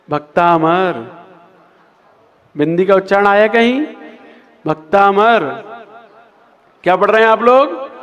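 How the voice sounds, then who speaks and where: Male Jain monk, measured and slow, drills listeners on verse recitation, reverberant hall. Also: high voice, muffled recording. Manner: quizzes listeners and repeats answers; slow drawn-out chanting of verse lines. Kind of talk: recitation lesson with chanted verses.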